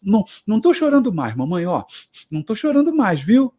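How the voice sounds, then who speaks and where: Guy putting on a little kid voice, high and whiny, begging mom over and over. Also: sing-song, brisk, warm tone. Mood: pleading. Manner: high, pleading, repeating himself. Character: small boy pleading with his mother.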